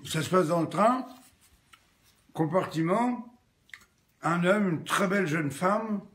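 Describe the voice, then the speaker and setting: Man, joke teller, casual, chatty, high voice, unhurried. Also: a bit bright. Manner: casual, addresses the listener with "tu vois". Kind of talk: telling jokes.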